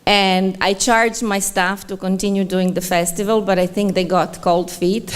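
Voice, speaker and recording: A woman's voice: mid-range voice, fairly even intonation, unhurried, clear, resonant tone. A woman from Croatia, a festival director giving a chatty, friendly conference presentation with light laughter. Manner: chatty and friendly, laughs often, repeats words for emphasis.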